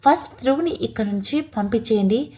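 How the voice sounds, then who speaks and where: A woman's voice: on the high side, animated, fairly quick, natural voice. A woman voicing a shy sweet young wife. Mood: coaxing. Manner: soft, coaxing.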